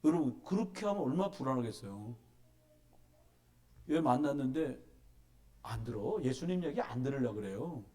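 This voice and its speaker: A middle-aged man preaching as a pastor in a church sanctuary, telling stories and urging his listeners with emphatic, animated delivery. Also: mid-range voice, moderate pace, pauses often. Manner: animated storytelling, emphatic exhortation. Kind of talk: sermon.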